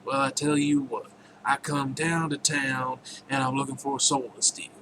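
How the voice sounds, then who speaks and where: A man's voice: medium pitch, little pitch movement, moderate pace, close to an everyday voice. A man voicing a dealmaking male devil in a folksy American Southern drawl, over a noisy recording. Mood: sly.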